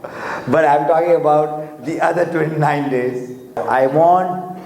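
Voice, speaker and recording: A motivational speaker whose first language is Urdu or Hindi gives a seminar talk in English in a large hotel hall, asking his audience questions directly. His voice is on the high side, steady and darkish, his delivery slow and deliberate with frequent fillers and restarts. The hall is echoey, with faint ambience.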